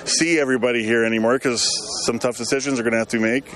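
A man's voice: medium pitch, fairly even intonation, very fast, a bit bright. A man asking conversational questions as a sports interviewer in the field.

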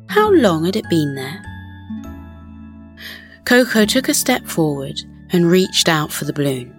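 Slow, soothing woman sleep story narrator. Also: fairly low pitch. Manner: soothing, gentle, unhurried guided-relaxation delivery. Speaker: host and narrator of children's bedtime story podcast.

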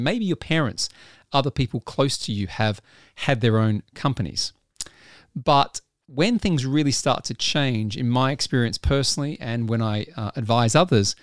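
A man hosting a solo business podcast, talking casually with a husky voice from a frog in his throat. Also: mid-range voice, no room sound, clean studio sound. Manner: conversational, clears throat, occasional laughs. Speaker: podcast host.

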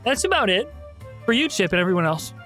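A man's voice: high voice, big pitch swings, quick pace, bright, forceful tone, soft background music. A man speaking casually and with banter as the game master of a tabletop session. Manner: bantering, mock-exasperated.

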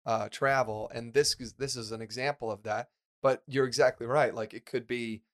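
A man's voice: medium pitch, fairly even intonation, moderate pace, fairly bright tone. A man co-hosting a podcast, his voice sitting in a plain middle register. He talks in a loose, rambling way, circling back with fillers and restarts as he works through his thoughts. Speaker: podcast co-host. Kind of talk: casual podcast chat.

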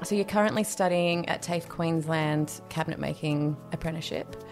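Woman interviewer, lowish voice, quick simple questions, light music behind. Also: darkish tone. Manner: brief prompts, short backchannel replies.

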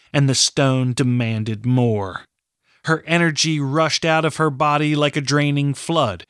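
A man reading a fantasy novel aloud as narrator, in a measured, steady storytelling manner. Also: mid-range voice, no room sound, clean studio sound. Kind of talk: scripted audiobook narration.

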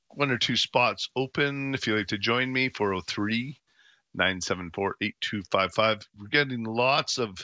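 Bright, dry-sounding man hosting a radio phone-in. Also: deep voice, no room sound. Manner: informal, folksy, rambling. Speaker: radio gardening phone-in host. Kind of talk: casual live call-in advice. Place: radio studio. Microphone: close studio microphone.

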